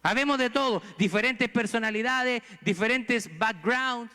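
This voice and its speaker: A pastor from Chile, speaking with a Chilean Spanish accent, earnestly preaches a sermon in a church sanctuary and confronts the congregation with rhetorical questions. His very high-pitched voice is pushed, bright and smooth at a measured pace, echoing as in a large hall.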